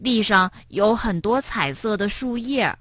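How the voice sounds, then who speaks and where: A woman voicing a gentle young male frog in a storybook, speaking softly with sighs. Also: medium pitch, lively intonation, unhurried, dry recording, clean studio sound. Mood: sad. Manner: soft and sighing.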